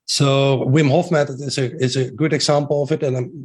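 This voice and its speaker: In a relaxed interview, a middle-aged Dutch man with a strong accent eagerly rambles about his breathing work, with many restarts and fillers. His medium-pitched voice is level in tone, a little mellow, and fairly quick.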